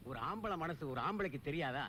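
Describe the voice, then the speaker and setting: An actor playing a cheeky friend in a comic film, teasing and handing out bold advice. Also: male voice, fairly high pitch, lively intonation, fast, bright, forceful tone, slight background noise.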